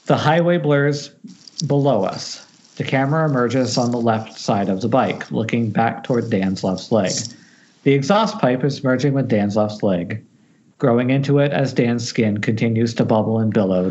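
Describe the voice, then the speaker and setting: At an amateur table read, a man reads aloud the stage directions of a horror screenplay, stumbling over phrases and correcting himself. His voice is medium-pitched and a little mellow, and the sound is slightly muffled, like an internet call.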